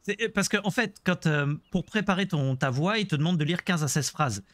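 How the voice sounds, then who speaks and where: A man's voice: on the high side, normal speed, no room sound. A man streaming a Let's Play, chatting casually about the game and joking with his viewers. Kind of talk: casual gameplay commentary.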